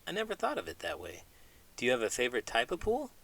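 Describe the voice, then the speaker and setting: Here the children's read-aloud host, a middle-aged man, talks at a quick pace, his medium, fairly bright voice creaky and swooping wildly in pitch. The recording is dry and low-quality, carrying his dramatic, playful storybook reading and scripted puppet banter.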